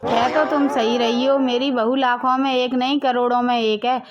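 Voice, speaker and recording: A woman's voice: fairly high pitch, little pitch movement, normal speed, highs cut off, lightly acted. A woman voicing a proud, fussy older mother-in-law in a cartoon story, boasting and wailing theatrically. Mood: boastful. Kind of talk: Hindi cartoon dubbing.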